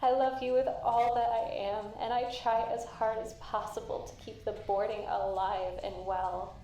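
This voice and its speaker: A woman voicing an ailing, stern and motherly matriarch in a video game, warm and solemn through a static-laced speaker. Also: a little high, flat delivery, normal speed. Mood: tender, sorrowful. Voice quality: warm, tender. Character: ailing motherly mushroom matriarch, tender but commanding. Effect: crackling intercom speaker static. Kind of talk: dramatic video game voice acting. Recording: echoing, staticky intercom sound.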